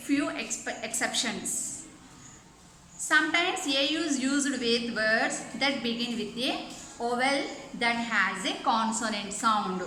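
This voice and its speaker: A woman teaching a class, her high, bright voice going through each point step by step and often asking whether students are following. The room is very echoey, with a faint hum of background noise. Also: very slow. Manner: explains step by step, often checking with "okay?". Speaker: English teacher. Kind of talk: online class lesson.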